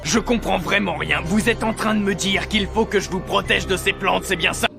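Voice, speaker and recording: A man's voice: sits high, moderate pace, gravelly. An actor dubbing a puzzled, blunt adult male ninja in a French anime dub, confused and questioning. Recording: dub voice over soundtrack music.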